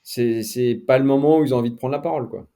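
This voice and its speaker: A man's voice: medium pitch, fairly even intonation, quick pace, warm tone. A middle-aged man, a sports journalist guest, chatting casually in an interview with many fillers and restarts.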